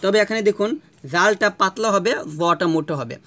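A man's voice: high voice, a little fast, bright, forceful tone. A Bangladeshi Bengali-accented man teaching Quran pronunciation, patiently repeating letter sounds and asking rhetorical questions. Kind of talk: classroom lesson.

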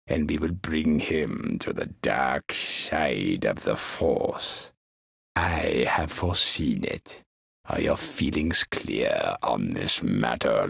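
A man playing a sinister, gloating old emperor in a video game, with a raspy, croaking voice and a menacing, theatrical drawl. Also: extremely low pitch, a bit bright, no echo, studio quality, full character voice. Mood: cold, scheming. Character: sinister, gloating old male galactic emperor, cruel and imperious. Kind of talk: video game villain acting.

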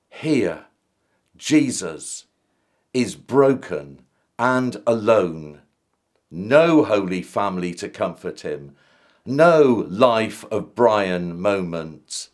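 Man in his fifties, slow solemn reader, mid-range voice, measured devotional delivery. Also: mid-range voice. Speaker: Methodist minister. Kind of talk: scripted devotional reflection.

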